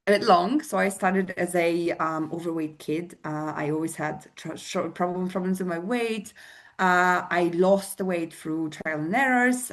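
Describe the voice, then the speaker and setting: Polish woman, fitness coach guest, accented English, hesitant, low-ish pitch. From Poland. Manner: hesitant, many fillers and restarts, earnest. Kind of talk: interview.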